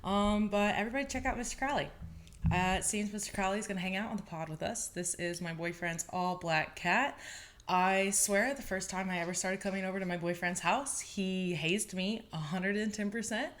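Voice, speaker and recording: A woman in her twenties hosting her own podcast, telling stories in a chatty, animated way with bits of laughter. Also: mid-range voice, normal speed. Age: 20s. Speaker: podcast host. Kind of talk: casual podcast monologue.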